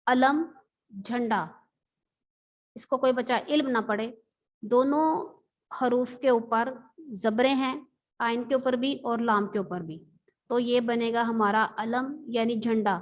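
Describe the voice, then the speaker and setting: Woman teacher, patient, explains slowly, classroom lesson. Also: fairly high pitch.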